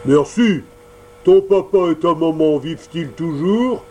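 A man voicing a gruff, bearded male puppet-show boss who booms his words and breaks into sneezing fits in a storybook reading. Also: measured pace, a little mellow, slight background noise, lightly acted.

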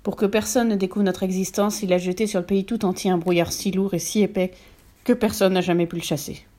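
A tired ghost knight recounts his story and grumbles in confidence, as a woman reading aloud puts him on. His voice is mellow and close to the reader's own. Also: mid-range voice, fairly even intonation, brisk, natural voice. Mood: weary. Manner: weary, confiding.

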